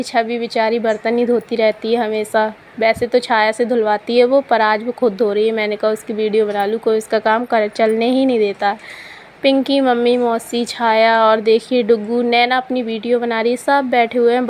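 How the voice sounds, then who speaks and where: A woman's voice: a little high, a little mellow, slight background noise. A young woman narrating her family day-trip vlog in a chatty, casual way, often pointing viewers to what is on screen. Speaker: vlogger.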